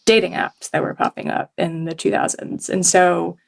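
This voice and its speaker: A fairly low, gravelly female voice keeps fairly even intonation at a moderate pace. The speaker, a Hong Kong journalist appearing on a podcast, talks casually with lots of fillers and laughs often.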